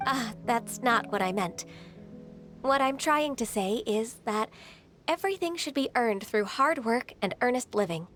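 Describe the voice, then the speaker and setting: A woman playing a soft-spoken, polite young adeptus in a game, speaking earnestly. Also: fairly high pitch, animated, measured pace, soft background music.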